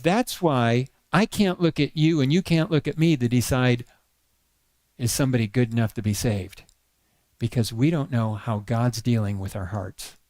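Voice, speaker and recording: A man's voice: medium pitch, normal speed, dry recording. Man telling a sermon story. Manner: animated, acts out the dialogue of his story. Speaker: preacher.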